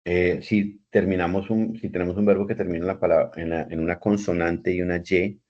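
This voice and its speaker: A man teaches an English class online over a video call, patiently repeating words and spelling them out. His voice is low and flat, a little fast, and the lo-fi call audio sounds dull.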